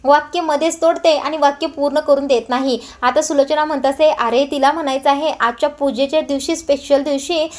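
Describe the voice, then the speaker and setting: A woman retelling a TV serial episode, quoting each character's lines in her own voice with frequent short "uh" pauses. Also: high-pitched, fairly even intonation. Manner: quotes every character's dialogue in her own voice; brisk storyteller with frequent "uh" pauses. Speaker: serial recap narrator.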